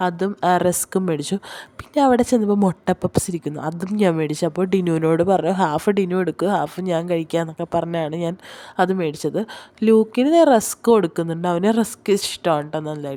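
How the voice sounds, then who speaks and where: A woman's voice: fairly low pitch, warm tone. A young woman and mother, feverish and unwell, chatting casually to her viewers from a hospital room in a rambling way. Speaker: family vlogger, mother of two small children. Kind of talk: casual vlog chat to viewers.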